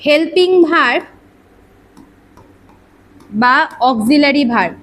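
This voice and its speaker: A woman with a strikingly high voice teaches grammar in a classroom, speaking. She drills her pupils with rapid rhetorical questions and scolds them when they chat. Her tone is brisk and teacherly throughout. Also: expressive, fairly bright tone, slight background noise, rough recording. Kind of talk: classroom lecture. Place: classroom with students.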